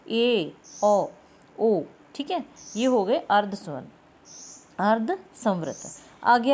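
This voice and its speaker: A young woman teaches an exam-prep grammar lesson, working through the material step by step. She keeps turning to the class with quiz-like questions. She draws the sample vowel sounds out long so they can be heard clearly. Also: a little high, darkish tone.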